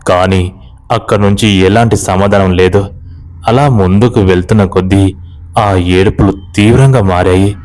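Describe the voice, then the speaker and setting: A man narrating a horror story in a brisk, dramatic way. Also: low voice, dark tone.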